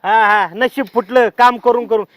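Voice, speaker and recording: A man's voice: very high voice, fairly even intonation, moderate pace, a bit bright, dry recording. An actor playing a bossy village husband who nags and barks repeated orders at his wife. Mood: scolding. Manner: nagging, barking orders, repeats words. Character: bossy scolding village husband, middle-aged. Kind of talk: village short-film acting.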